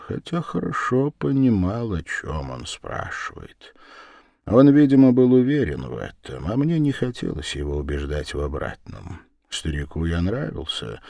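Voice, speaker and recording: A man narrating a novel in the first person with an expressive, dramatic delivery. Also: deep voice, creaky, no echo, clean studio sound. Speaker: audiobook reader.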